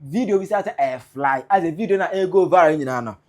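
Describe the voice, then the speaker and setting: A woman giving animated gossip commentary, mixing pidgin with local phrases. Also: fairly low pitch, fast talker. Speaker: news blogger.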